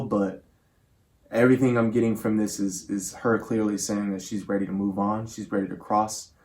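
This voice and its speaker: Low-voiced man hosting a spirit session. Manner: addresses listeners and spirit with affectionate, reverent words. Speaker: host of a spirit box session channel. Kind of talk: earnest spoken commentary to viewers and a spirit.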